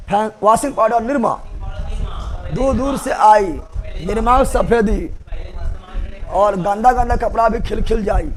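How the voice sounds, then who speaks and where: A man teaching a chemistry class, repeating key words and asking students to answer back, with joking asides. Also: high-pitched. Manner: repetitive call-and-response teaching, joking asides. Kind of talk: classroom lecture.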